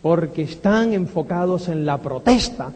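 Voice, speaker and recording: A man giving a motivational talk, firing rhetorical questions and tagging lines with a quick "eh?". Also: on the high side, lively intonation, darkish tone, breathy edge. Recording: long hall reverb.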